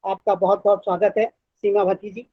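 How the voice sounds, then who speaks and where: A man's voice: high-pitched, flat delivery, moderate pace, lo-fi sound. A man hosting a poetry event who recites a short verse and then introduces the next poet in a formal, ceremonious way. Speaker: event host.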